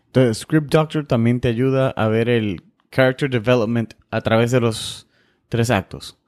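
A man's voice: mid-range voice, a little slow, a little mellow, no room sound, studio quality. A man co-hosting an interview who chats in a joking, conversational way.

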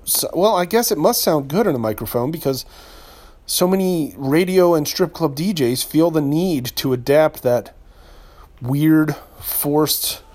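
A man's voice: on the high side, animated, a little slow, darkish tone. Rambling, chatty male podcast host. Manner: rambling, chatty, full of asides. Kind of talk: solo casual podcast monologue. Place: home room. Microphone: podcast microphone.

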